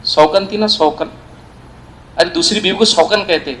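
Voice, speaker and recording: A man's voice: sits high, a bit bright, rough recording. A middle-aged man with an Indian Urdu accent, preaching an evening sermon and telling stories with emphatic repetition. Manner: emphatic storytelling, repeats phrases for stress. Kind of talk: evening sermon at a weekly gathering. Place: mosque centre.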